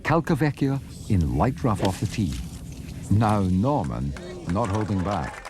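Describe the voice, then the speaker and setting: A man reading scripted golf documentary narration in a measured, dramatic storytelling way. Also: fairly low pitch, very animated. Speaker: narrator of golf highlights film. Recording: archive soundtrack, crowd and background noise. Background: crowd noise.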